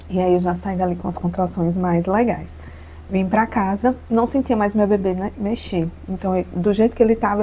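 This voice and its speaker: A woman's voice: medium pitch, mellow, slight background noise. A woman in her thirties with a Brazilian Portuguese accent, telling the story of giving birth in an earnest, emotional way and repeating phrases for emphasis. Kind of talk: personal storytelling.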